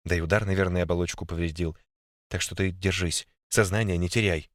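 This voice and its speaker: An audiobook narrator tells a first-person story expressively, voicing every character himself. His voice is low and brisk, with a dry, clean studio recording.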